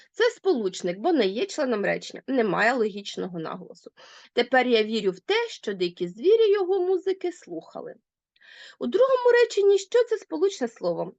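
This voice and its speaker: Brief: woman teacher with a Ukrainian accent, high-ish animated voice, dull dry lo-fi recording. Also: no echo. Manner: lively, emphatic explaining with stressed example words. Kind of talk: school grammar lesson.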